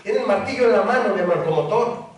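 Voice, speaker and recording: A pastor preaching a sermon, acting out the voices of a pleading child and a parent. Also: male voice, high-pitched, animated, quick pace. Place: church hall. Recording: very echoey hall, mic far off.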